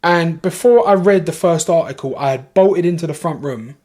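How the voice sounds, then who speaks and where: This guest, with a London accent and a slightly high male voice, speaks at normal speed as he tells his story on a podcast. The telling is casual and animated, full of swearing and restarted sentences.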